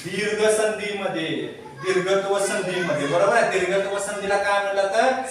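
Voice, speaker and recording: A man's voice: high-pitched, fairly even intonation, normal speed, noisy background. A man teaching a grammar lesson to a class, asking questions and repeating the answers himself. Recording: echoey classroom from far off.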